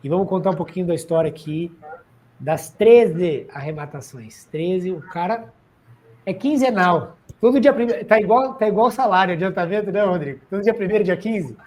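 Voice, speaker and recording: A man hosting an interview with an energetic, chatty and joking manner, welcoming and thanking his guest. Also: high-pitched, normal speed. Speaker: interview host and auction course teacher.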